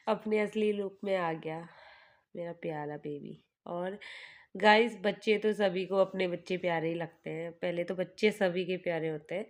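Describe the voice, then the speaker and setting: Chatty mom vlogger from Uttarakhand. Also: female voice, mid-range voice. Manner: chatty, homely storytelling that speaks to viewers as "guys". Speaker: family vlogger and mother. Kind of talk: casual vlog narration.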